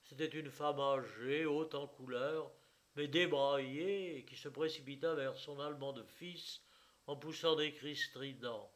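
A man narrating an audiobook in a measured, expressive storytelling manner. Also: a little high.

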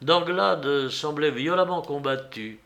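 A man reads a novel aloud in a measured, calm way, keeping a slow, unhurried pace. His voice sits a little higher than most men's, steady through the narration. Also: creaky. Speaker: audiobook reader.

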